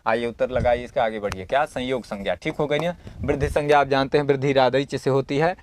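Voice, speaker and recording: A man's voice: medium pitch, fast talker, slight background noise. A male Sanskrit teacher going through a model exam paper. He reads Sanskrit lines aloud, explains them in plain Hindi, and keeps asking the class questions that he answers himself, in a homely, encouraging way. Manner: homely and encouraging, with everyday comparisons.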